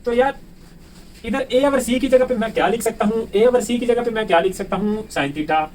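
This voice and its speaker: Pakistani male math tutor, high voice, quizzes and answers himself, mic far off. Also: moderate pace, a little mellow. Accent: Pakistani Urdu. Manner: asks the class questions and answers them himself. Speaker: math teacher. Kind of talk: whiteboard math lesson. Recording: distant mic with faint room noise.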